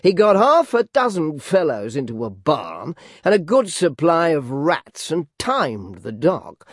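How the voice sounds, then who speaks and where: Deliberate drawling gentleman, slow and measured, pitched up, voiced by a male narrator. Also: wildly swooping pitch, dry recording, clean studio sound, heavily acted. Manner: very slow, measured, drawn-out phrasing. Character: extremely deliberate gentleman, drawling a dog story.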